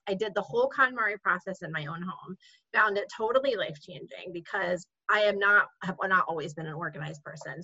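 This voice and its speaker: A woman's voice: medium pitch, pushed and bright, husky. A woman in her forties, a guest on an interview podcast, talking casually and laughing often. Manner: chatty, laughs often, uses "like" a lot. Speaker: guest, organizing consultant. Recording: dull lo-fi sound.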